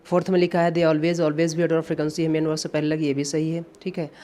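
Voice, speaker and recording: A man's voice: fairly high pitch, level tone, fairly quick, mellow. A man teaching English grammar for competitive exams, explaining in Hindi mixed with English and repeating key points. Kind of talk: exam-prep grammar lesson. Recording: faint background noise.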